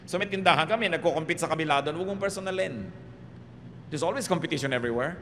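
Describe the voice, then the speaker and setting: A man with a Filipino accent delivers an animated, humorous sermon, leaning on rhetorical questions. His voice sits a little high and rings bright and forceful. It carries a long hall reverb over faint background ambience. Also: fast talker, a little hiss or hum. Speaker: pastor.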